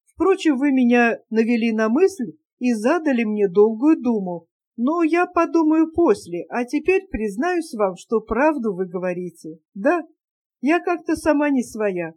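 A woman voicing an excitable, affectionate young woman in love, eager and emotional, in an audiobook reading. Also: on the high side, measured pace. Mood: agitated, tender.

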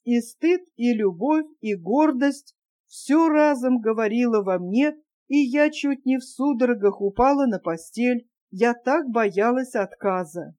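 A woman's voice: on the high side, animated, measured pace, mellow. A woman reading a young woman's lines in a novel, earnest and close to tears. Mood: anxious. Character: young woman, tearful and anxious.

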